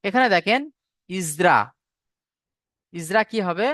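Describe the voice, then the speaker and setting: A man's voice: high-pitched, lively intonation, takes it slowly, fairly bright tone, no room sound. Male recitation teacher, patient and repetitive, dry video-call sound. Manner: patient, repetitive explaining, spelling out syllables. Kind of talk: online tajweed class lecture.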